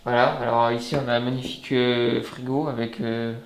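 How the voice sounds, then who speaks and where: A man chatting casually as he films a tour of a holiday apartment, joking and filling pauses with hesitations. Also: mid-range voice, little pitch movement, background noise. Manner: chatty, joking, many fillers. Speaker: vlogger. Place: indoors and on a balcony.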